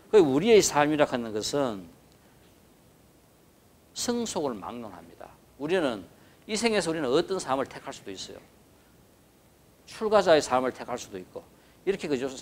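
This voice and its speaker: A man's voice: mid-range voice, a little hiss or hum. A man with a Gyeongsang accent giving a dharma lecture on a Buddhist scripture. He stresses key words and keeps asking the listeners to agree. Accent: Gyeongsang Korean. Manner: emphatic, repeats key words.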